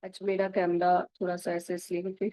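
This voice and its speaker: A woman with a cold, gently leading a mirror affirmation practice and repeating loving phrases in a mix of Hindi and English. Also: lowish voice, completely flat delivery, brisk, no room sound. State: has a cold. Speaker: self-love practice guide.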